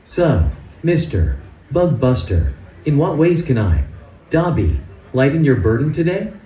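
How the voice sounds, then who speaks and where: A man's voice: medium pitch, huge pitch swings, unhurried. Give me a grumpy, sarcastic robot assistant, a synthetic male voice. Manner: dry, sarcastic and mock-theatrical. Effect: synthetic text-to-speech voice. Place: large event hall. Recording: echoey hall through a loudspeaker.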